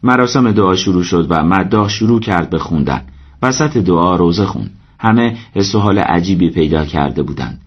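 A man reading a story aloud as narrator, steady and measured. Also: low voice, slightly rough, dull audio. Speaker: audiobook narrator. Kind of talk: scripted narration.

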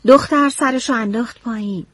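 A woman narrating a novel in a storytelling, expressive way. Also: a little high, slight background noise.

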